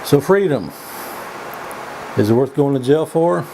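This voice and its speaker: A man giving a casual, opinionated vlog monologue in a folksy, halting way, often repeating his words as he goes. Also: on the high side, animated, noisy background. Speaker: vlog host. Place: indoors.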